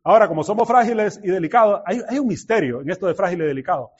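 High-voiced animated man preaching. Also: racing, breathy edge. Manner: animated, swings from soft asides to shouted exclamations, laughs often. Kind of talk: sermon. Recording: dull lo-fi recording.

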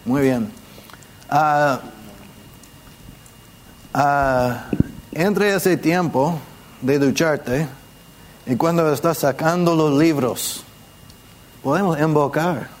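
A man teaching a church gathering in a conversational way, asking listeners questions and gently demonstrating how to pray. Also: a little high, extremely slow, long pauses. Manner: patient, asks questions and demonstrates prayers softly.

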